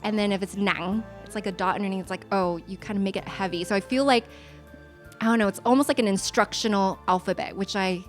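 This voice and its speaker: A woman's voice: mid-range voice, fast, faint music behind. A woman in her twenties from the United States, a guest in a casual chat, speaking in an earnest, reflective and encouraging way. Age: 20s.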